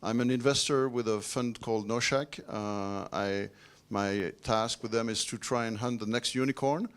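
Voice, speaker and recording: A man, a venture investor introducing himself on a conference panel, halting and repeating words. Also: medium pitch, smooth. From Belgium.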